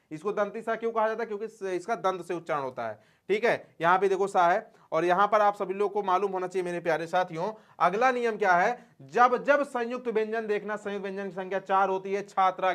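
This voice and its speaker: A man with a high, slightly bright voice gives an exam-prep grammar lesson. Folksy in manner, he asks questions only to answer them himself and refers to his students as dear friends.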